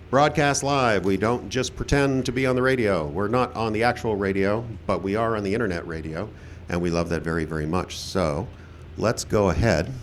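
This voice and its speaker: On an outdoor park stage, a man hosts and announces a live radio show with a showman's flair and informal asides. His voice is lowish, with a slight hiss or hum in the background.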